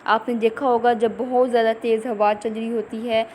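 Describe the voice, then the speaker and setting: A woman's voice: a little high, little pitch movement, darkish tone, a little hiss or hum, rough recording. A woman schoolteacher, giving a recorded English lesson to young children and explaining each line in Urdu-Hindi. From Pakistan. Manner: reads English lines slowly, then explains in Urdu-Hindi.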